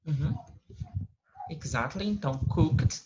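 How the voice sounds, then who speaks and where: Slow brazilian english teacher on a video call, patient, explains everything bit by bit, dull lo-fi audio with a little hiss. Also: medium pitch, animated. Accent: Brazilian Portuguese. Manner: patient, explains step by step, often adds tag questions. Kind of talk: online English lesson. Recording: lo-fi call audio with faint noise.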